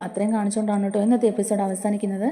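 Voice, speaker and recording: A woman's voice: mid-range voice, flat delivery, racing, dark tone. A woman, casually retelling a TV serial episode in a chatty, storytelling way. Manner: chatty retelling with frequent tag "kettō".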